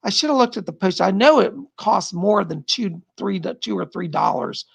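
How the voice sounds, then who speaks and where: Reading viewer comments during a casual live stream, this middle-aged psychic host rambles from home and laughs often. He speaks at a normal speed in a high-pitched, animated voice with vocal fry and slight roughness, sounding strained and tired as his voice goes. The audio has no room sound.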